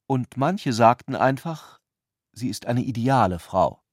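A man with a middle-pitched voice narrates a literary radio play in a measured, articulate, expressive way. The recording is very close and dry, with no echo or room sound.

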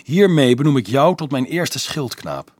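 A man voicing a dreamy young boy who sees himself as a gracious little king, in a husky voice. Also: medium pitch, big pitch swings, normal speed, a little mellow, dry recording, studio quality, voice pushed up.

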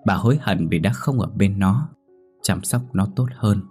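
A man voicing a kind, grieving old village woman who speaks gently and sorrowfully. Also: fairly low pitch, moderate pace, husky, soft background music.

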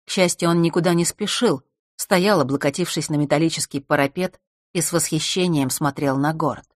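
Woman narrator, lowish voice, measured storytelling, dry close sound. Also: no room sound. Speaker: audiobook narrator. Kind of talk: scripted narration.

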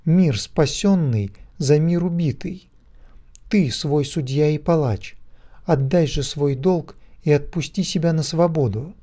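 A man's voice: a little high, unhurried, dark tone, voice pushed up. A man voicing a desperate, pleading old woman priestess in an audiobook, crying out in fervent pleas. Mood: urgent.

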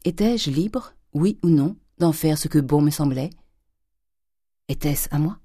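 A reader voicing a calm, stubbornly defiant young woman who answers in a measured, firm way. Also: mid-range voice, husky, no room sound, clean studio sound. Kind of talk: audiobook character reading.

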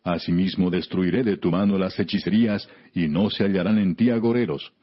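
A man narrating scripture as a scripted reading, in a solemn, measured, declamatory biblical manner, on a dull recording. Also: low-pitched, steady tone. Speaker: Bible narrator.

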